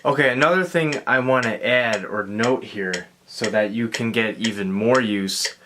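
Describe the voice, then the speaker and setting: A man giving a casual guitar lesson, talking in a relaxed, halting way with many fillers and restarts. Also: fairly low pitch, background noise. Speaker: guitar teacher. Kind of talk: casual instructional talk. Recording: clear guitar playing behind the voice. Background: guitar and metronome.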